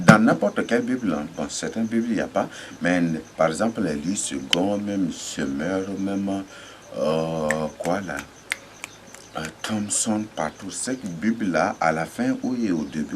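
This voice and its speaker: A man gives an informal Bible teaching, repeating himself, pausing, and spelling words out letter by letter. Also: low voice, background noise. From Chad. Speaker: religious teacher.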